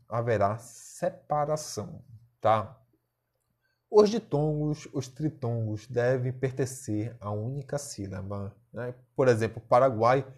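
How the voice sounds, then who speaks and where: A man's voice: mid-range voice, darkish tone, breathy edge. A male teacher with a Brazilian accent giving a recorded lesson, explaining step by step and often checking in with short tag questions.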